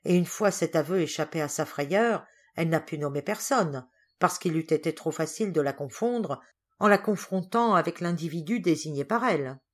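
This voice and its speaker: In an audiobook, a woman voices an angry, stern older uncle who sounds agitated and indignant. Her voice sits low and is animated at a moderate pace.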